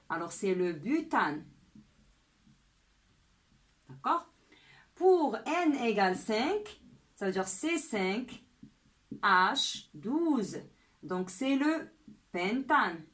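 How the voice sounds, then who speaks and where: A woman's voice: mid-range voice, a bit bright. A woman teaching a chemistry lesson step by step, often checking in with "d'accord?". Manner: slow and deliberate, often asks "d'accord?".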